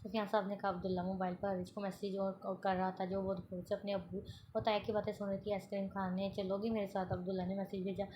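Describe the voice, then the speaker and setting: A woman reading a romance novel aloud, steady with frequent slips and restarts. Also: medium pitch, fast talker, a little hiss or hum. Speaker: novel reader.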